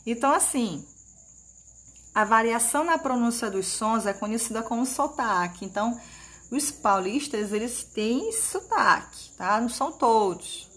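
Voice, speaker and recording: A woman's voice: on the high side, animated, measured pace, a bit bright, husky. A woman teacher from Maranhão with a northeastern Brazilian accent, giving a lesson to children and checking in often to see that they follow. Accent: Maranhão Brazilian Portuguese.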